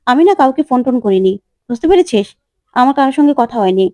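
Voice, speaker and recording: A woman's voice: high-pitched, animated, fast, mellow, dry recording, muffled recording. A woman voicing a stubborn young man, a groom, who speaks in an insistent, defensive way.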